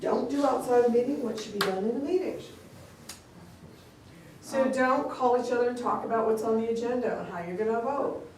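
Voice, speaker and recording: A woman's voice: on the high side, fairly quick, darkish tone, a little hiss or hum. A woman giving a frank, plain-spoken open meeting law training to a school board, joking as she goes. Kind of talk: conversational training session. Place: meeting room. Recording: echoey room, distant mic.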